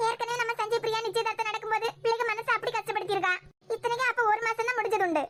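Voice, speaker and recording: A woman's voice: very high voice, fairly even intonation, racing, a bit bright. A woman with a Kanyakumari Tamil accent voicing a worried, weepy grandmother in a cartoon web series. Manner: fretful, lamenting.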